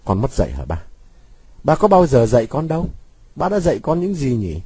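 Man playing a defiant young son, cutting sarcasm, lively pitch, dry close sound. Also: a little fast, slightly rough, no room sound, full character voice. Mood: mocking. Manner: sarcastic, cutting, sweetly mocking. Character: bitter defiant young man confronting father.

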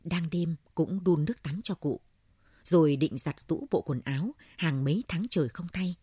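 Low, husky woman narrating a story. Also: normal speed, no echo, clean studio sound. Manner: steady storytelling. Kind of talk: audiobook narration.

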